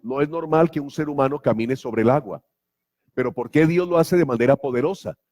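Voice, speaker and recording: A man's voice: medium pitch, brisk, a little mellow. Guy pastor giving a sermon, emphatic, asks the crowd lots of questions. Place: church.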